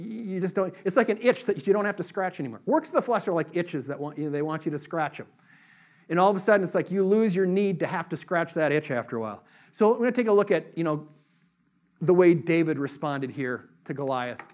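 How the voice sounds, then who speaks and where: A middle-aged male pastor preaching a sermon in a lively, conversational way, mixing casual asides with fervent declarations. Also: a little high, fairly quick. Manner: animated preaching, acts out voices in quotes.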